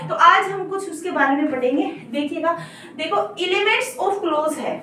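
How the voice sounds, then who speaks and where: A woman's voice: extremely high pitch, a little slow, pushed and bright, slight background noise. A woman teaching an online English grammar lesson, explaining step by step and checking in with her students often. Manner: explanatory, repeats "theek hai" to check understanding. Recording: very echoey room, voice from a distance.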